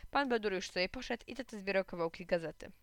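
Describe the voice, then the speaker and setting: A woman reads a children's story aloud with lively expression. Her voice is bright and crisp, and the recording is close and dry. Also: medium pitch, fast talker, no echo. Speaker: reader.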